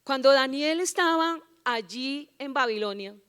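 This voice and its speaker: A woman's voice: high-pitched, lively intonation, unhurried, fairly bright tone. Woman pastor preaching in a hall. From Colombia. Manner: call-and-response with the congregation, rousing, rhetorical questions. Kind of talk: sermon. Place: large church hall. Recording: church hall reverb.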